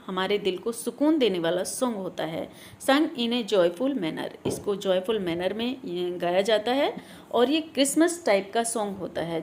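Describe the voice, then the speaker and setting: A woman teacher running an exam revision class on literary terms, mixing Hindi and English, reading English definitions slowly and often adding "guys". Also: mid-range voice, slight background noise. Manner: often adds "guys" and "theek hai".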